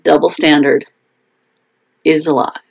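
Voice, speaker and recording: A woman's voice: low-pitched, flat delivery, measured pace, gravelly, breathy edge, poor audio. A woman author chatting casually on her own live video stream, talking through frustrations with fillers and restarts.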